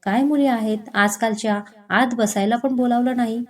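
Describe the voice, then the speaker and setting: A woman's voice: fairly high pitch, fairly even intonation, moderate pace, natural voice. A woman voicing a courteous man in his forties, a doctor, in a spoken storybook.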